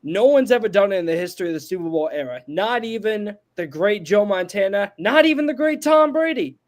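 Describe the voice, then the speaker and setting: Talking fast and expressively, a high-pitched man in his 20s weighs in as a panelist on a casual sports podcast. He hammers his points emphatically and repeats them for stress.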